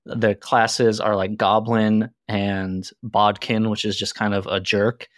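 A man's voice: on the low side, level tone, slow, no room sound, studio quality. A man speaking as a podcast guest in casual chat, wry and self-deprecating. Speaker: podcast guest, game designer.

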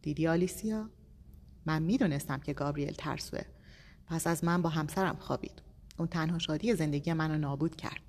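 A cold male captor speaks in a flat, controlled way, read by a woman narrator. Her voice sits low, with a long reverb trailing behind. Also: a little hiss or hum, close to an everyday voice. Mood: bitter. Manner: calm, emotionless, controlled.

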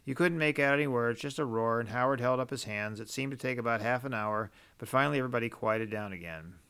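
A male audiobook narrator telling a story in a measured, even way. His voice is smooth and resonant, clear on every word. The pitch is in an ordinary middle range.

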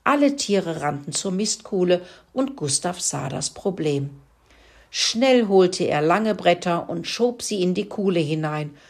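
A woman reads a children's animal story at an unhurried pace. Her voice sits low and steady, with a gentle storybook lilt. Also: creaky. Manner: slow, lively storybook reading.

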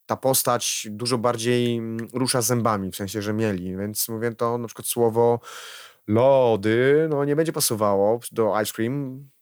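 A man's voice: medium pitch, dry recording, studio quality. A man who works as a voice actor, talking casually in an interview, rambling and acting out quoted lines. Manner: animated, rambling, acts out quotes. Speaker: voice actor guest.

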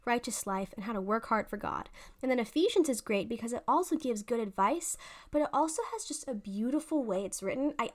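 A young woman hosting a faith podcast, talking in a fast, excited, gushing way. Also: fairly high pitch. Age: young adult. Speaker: podcast host. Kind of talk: casual faith podcast monologue.

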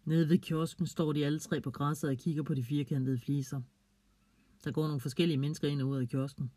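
A man's voice: on the high side, no room sound. Man narrating a children's story. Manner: calm, clear reading.

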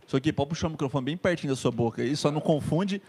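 A man's voice: a little high, very fast, darkish tone, a little hiss or hum. A man with a Brazilian accent hosting a live talk show in a chatty, joking way. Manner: jokey, chatty banter.

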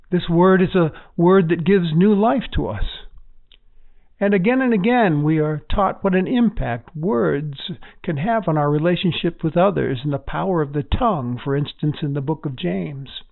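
A man giving a short devotional Bible teaching in a gentle, earnest manner, reading quotations with feeling. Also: fairly high pitch. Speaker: pastor. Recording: narrow phone-like sound.

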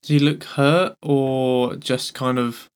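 Smooth-voiced, slow-paced male gamer. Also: mid-range voice, little pitch movement. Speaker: player in a tabletop game. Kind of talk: casual chat.

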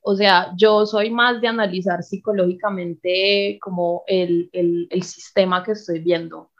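A woman's voice: fairly low pitch, fairly even intonation, measured pace, muffled recording. A Colombian woman co-hosting a podcast in casual, slangy Spanish sprinkled with English words. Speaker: podcast co-host. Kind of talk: casual, chatty podcast talk.

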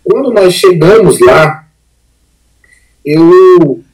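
A man, a pastor giving an emotional personal testimony as a podcast guest, earnest and halting, often repeating words. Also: high voice, lively intonation, poor audio.

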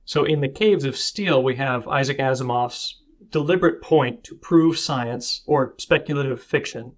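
A man's voice: mid-range voice, normal speed. A man co-hosting a book podcast who asks questions and reflects on the book in an analytical way. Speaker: podcast co-host. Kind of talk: casual podcast chat.

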